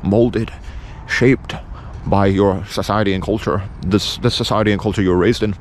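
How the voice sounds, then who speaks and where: A man's voice: fairly low pitch, steady tone, normal speed, a little hiss or hum. A man from England with a British accent giving an unscripted opinion monologue in an insistent, blunt, repetitive manner. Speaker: video presenter.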